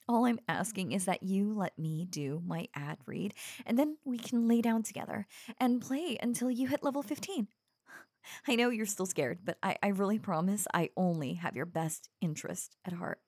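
Woman doing an obsessive young streamer girlfriend, soft and coaxing, nervous giggles, dry close sound. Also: mid-range voice, normal speed, no echo, close to an everyday voice. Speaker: voice actor in an audio roleplay. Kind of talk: audio roleplay addressed to the listener.

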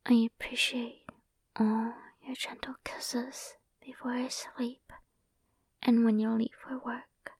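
A young woman speaking in a soft, intimate whisper for an ASMR roleplay, sweet and affectionate, close to the microphone. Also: a little high, flat delivery, slow, slightly rough, no echo. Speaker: ASMR performer. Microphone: close sensitive microphone.

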